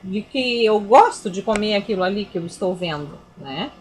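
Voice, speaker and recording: A woman's voice: medium pitch, expressive, normal speed. A woman with a Brazilian Portuguese accent, a teacher giving a recorded grammar lesson for children, explaining patiently, repeating herself and pointing things out.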